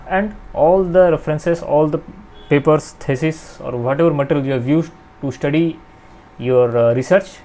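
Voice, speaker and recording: Young male tutor, slightly higher voice, filler-heavy step-by-step delivery. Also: a little mellow. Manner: frequent "okay" and "uh" fillers, explains step by step. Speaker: channel host teaching research writing. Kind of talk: explanatory lesson.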